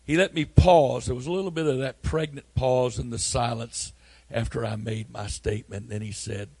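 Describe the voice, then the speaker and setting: An older male pastor preaches with a husky, breathy voice set at an everyday middle pitch. He tells his story earnestly, repeating himself and climbing from hushed to nearly shouting. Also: fairly even intonation, moderate pace. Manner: earnest, repetitive, builds from hushed to near-shouting. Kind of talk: sermon storytelling.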